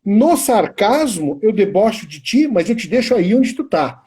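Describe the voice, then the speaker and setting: Middle-aged Brazilian teacher, husky and mellow, rambling storyteller on a live stream. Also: male voice, high voice, sing-song, measured pace. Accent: Brazilian Portuguese. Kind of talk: casual chat on a live stream.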